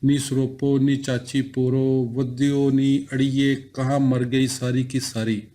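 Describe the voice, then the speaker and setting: A man reading a novel aloud, voicing a lively village woman who speaks in a teasing, exclamatory way. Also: medium pitch, slow pace, close to an everyday voice.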